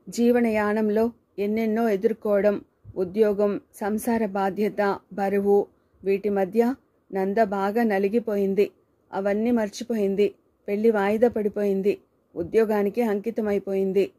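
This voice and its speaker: A woman narrates a short story in a dark, mellow voice at an ordinary middle pitch. Her reading is steady and scripted, and she gives the dialogue light changes of tone.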